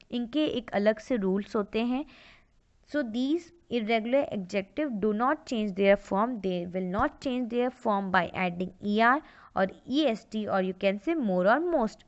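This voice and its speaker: Slow woman teaching grammar. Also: fairly high pitch, lively intonation. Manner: mixes Hindi and English, reads word lists out slowly. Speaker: English teacher. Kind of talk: online grammar lesson. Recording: dull lo-fi recording.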